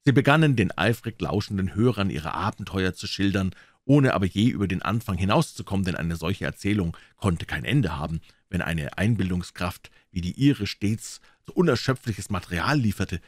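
A man calmly narrating a classic novel as an audiobook reader. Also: deep voice, normal speed, no room sound, studio quality.

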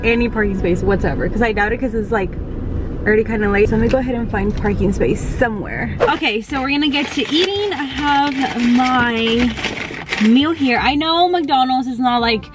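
A woman's voice: fairly high pitch, moderate pace, noisy background. A young woman in her twenties chatting casually in a vlog, giggly and full of "like", filmed on a handheld phone. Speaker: beauty vlogger. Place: in a car and out on errands.

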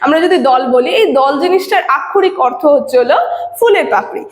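High-voiced woman teaching in an echoey room. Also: lively intonation, fast. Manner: explains step by step, often checks in with 'okay'. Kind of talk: classroom lecture to students. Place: classroom with a board. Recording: echoey room with long reverb.

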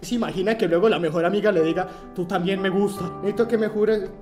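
A young man hosting a comedic reaction vlog, talking in an animated way, laughing often and shouting in surprise. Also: high-pitched, fast talker. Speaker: YouTuber. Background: background music.

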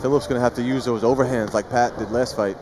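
A man's voice: mid-range voice, steady tone, quick pace. A man giving conversational colour commentary during a live fight. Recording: loud crowd noise behind commentary. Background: loud arena crowd.

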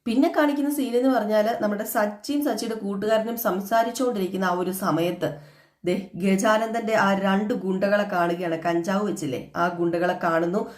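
A woman's voice: medium pitch, fairly even intonation, moderate pace, darkish tone. Chatty woman recapping an episode. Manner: chatty, acts out the dialogue. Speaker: serial recap vlogger. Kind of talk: casual episode retelling. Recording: echoey room.

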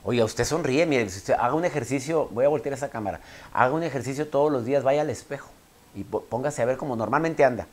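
A man with a Mexican accent, a talk-show guest telling stories in a playful, animated way. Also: mid-range voice, fast talker. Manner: animated, playful, acts out scenes with laughs and shifts of voice. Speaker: guest speaker. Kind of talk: lively talk-show storytelling.

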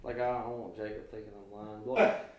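A man's voice: fairly low pitch, normal speed. A man, bragging in casual chat about his catches. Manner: boastful, animated storyteller. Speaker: angling guide and friend. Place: living room, indoors. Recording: roomy echo.

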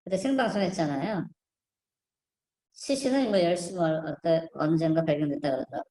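A woman's voice: fairly low pitch, brisk, mellow. A woman hosting an online channel, talking through images on screen in a rambling, skeptical way, with many fillers and restarts. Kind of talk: casual spoken commentary. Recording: echoey room.

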